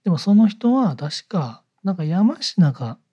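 Mellow, husky man with a Kyoto accent. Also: high voice, big pitch swings, a little slow, lo-fi sound. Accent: Kyoto Kansai. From Kyoto area, Japan. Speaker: podcast co-host. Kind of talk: casual chat.

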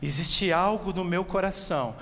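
A man with a Brazilian accent preaching an expository sermon, animated, asking his listeners direct questions and slowing down on key words. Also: high voice. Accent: Brazilian Portuguese. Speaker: pastor. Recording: long reverb with faint background noise.

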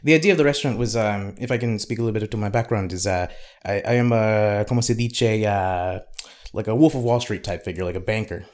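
Earnest foreign restaurateur played by a man, fairly low voice, gropes for words, slips into midsentence, improvised comedy. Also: a little hiss or hum, close to an everyday voice. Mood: earnest, halting. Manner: switches languages midsentence, dropping in Spanish phrases; halting, searching for words with many pauses. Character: earnest, deluded foreign restaurateur, a reformed banker. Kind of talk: improvised comic interview in character.

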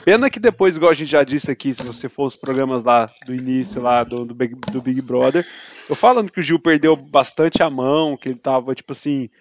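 A man's voice: mid-range voice, fairly quick, slight background noise. A man co-hosting a casual podcast who rambles and repeats words while searching for phrasing. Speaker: podcast co-host. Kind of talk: casual chat.

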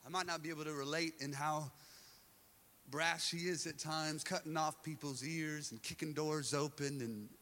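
A man preaching a live church sermon as pastor, animated and joking, swinging between loud acted-out dialogue and quiet intensity. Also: a little high. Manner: drops to quiet, slow, intense delivery; jokes with the congregation. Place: church service.

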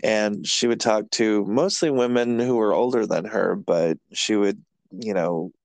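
A man's voice: on the low side, measured pace, gravelly, no room sound. A man hosting a podcast, chatting casually in a rambling, self-deprecating way and laughing often. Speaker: podcast host. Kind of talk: casual chat.

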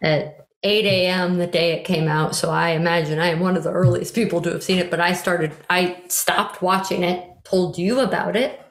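A woman's voice: on the low side, steady tone, moderate pace, hardly any pauses, echoey room. A woman co-hosting a casual chat about TV shows, enthusiastic and full of fillers. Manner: enthusiastic, chatty, many fillers. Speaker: podcast co-host.

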